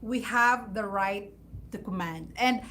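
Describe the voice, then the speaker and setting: A woman's voice: medium pitch, takes it slowly, sharp tone. A woman, chatting casually as a host on a livestream about parenting and often laughing.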